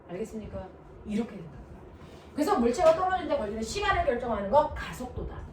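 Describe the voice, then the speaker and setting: This physics lesson comes from a woman with a somewhat high voice, far from the mic. She keeps the classroom lecture lively by quizzing students with constant check-ins, and the room is echoey and noisy.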